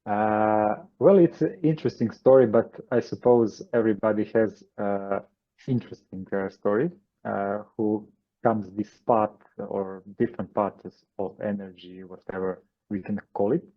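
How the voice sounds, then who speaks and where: A Croatian man with a fairly low voice tells his story in a halting way, full of "uh" and restarts. The sound is dull and lo-fi, as over a video call. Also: steady tone. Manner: hesitant, many fillers and restarts. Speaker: guest channeler. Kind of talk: interview answers.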